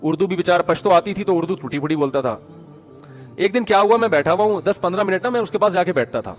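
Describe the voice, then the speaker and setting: With faint music playing behind him, a man shares stories carrying moral advice, keeping things conversational and addressing listeners as "brother" again and again. He has a high-pitched voice with lively intonation.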